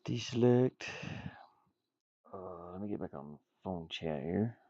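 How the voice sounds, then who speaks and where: Here a streaming indie game developer mutters playfully and repeats words as he rambles through casual commentary on his game art. He has a deep, warm voice with lively intonation and a slow pace, captured in a dry recording with the highs cut off.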